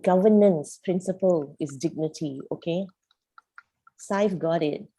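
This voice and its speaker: A woman's voice: on the low side, a little slow, warm tone, husky. A woman facilitating a youth program over a video call, speaking emphatically and posing one rhetorical question after another. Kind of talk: animated group coaching.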